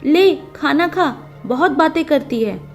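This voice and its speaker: A woman voicing a middle-aged village mother who hides her grief, talking in a hushed, hesitant and evasive way. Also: high voice, lively intonation, takes it slowly, soft background music, pitched above the performer's own voice, full character voice.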